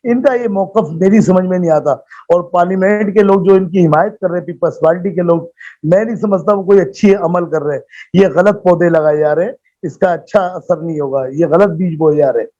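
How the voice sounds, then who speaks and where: A man from Pakistan, speaking as a guest over a phone line and arguing a political point forcefully, repeating phrases for emphasis. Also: sits high, brisk. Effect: heard over a phone line. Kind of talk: impassioned political argument. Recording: dull lo-fi phone audio.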